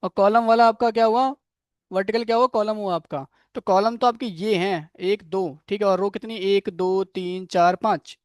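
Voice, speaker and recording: Man, coding teacher, classroom lecture, checks in after each step, clear smooth voice, dry sound. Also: high-pitched, fairly even intonation, moderate pace, no room sound. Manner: explains step by step, keeps checking with "theek hai"; quizzes students by name. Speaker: coding instructor. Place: classroom with students present.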